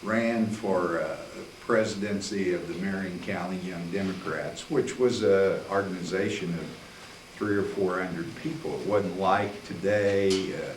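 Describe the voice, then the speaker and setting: An older man recounting his memories in a rambling public talk, full of fillers and throat clearing, heard from a distance in a library meeting room. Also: low voice, steady tone, measured pace. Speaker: guest speaker, attorney. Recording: roomy, distant, faint hiss.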